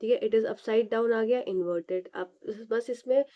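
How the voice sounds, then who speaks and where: A woman teaching an exam prep lesson. She reads each English question slowly, then explains it in Hindi with rhetorical questions. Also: fairly high pitch, dull audio.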